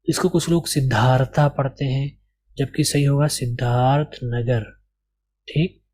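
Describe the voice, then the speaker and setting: A man's voice: mid-range voice, steady tone, a little mellow. Patient male teacher. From India. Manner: patient, repeats key points, models English pronunciation slowly. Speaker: English teacher. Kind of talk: explaining a language course lesson.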